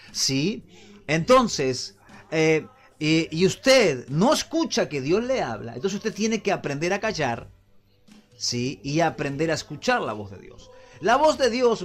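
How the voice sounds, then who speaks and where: Lively high-pitched male preacher. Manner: preaching with call-and-response prompts to the congregation. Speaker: pastor. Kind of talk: sermon.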